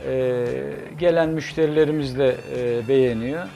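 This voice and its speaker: A man in his sixties, a cafe owner guest, speaking in a measured, hesitant way with many pauses. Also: mid-range voice, warm tone, faint music behind. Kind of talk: studio interview. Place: TV studio kitchen set.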